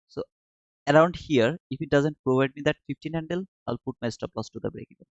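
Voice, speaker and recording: Talking fast in a fairly high voice, the Bangladeshi streamer comments on his live chart and answers chat messages. The audio is dull, lo-fi and dry, with no echo.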